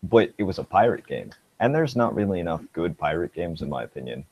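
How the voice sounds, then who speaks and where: A man's voice: low voice, sing-song, fairly quick, husky. A man in casual gaming chat, laid-back with dry remarks. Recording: dull dry lo-fi mic.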